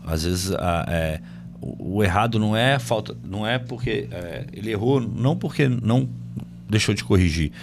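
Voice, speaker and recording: A man's voice: on the low side, lively intonation, normal speed, gravelly, background noise. A man hosting a podcast, telling a family story casually with many fillers and acting out the dialogue, recorded in a home studio. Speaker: podcast host.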